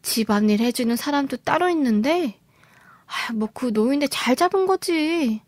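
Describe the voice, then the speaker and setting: A woman's voice: high-pitched, expressive, moderate pace, a little mellow, no room sound. A woman voicing a nosy, chatty middle-aged neighbor who drawls out gossip in a folksy way.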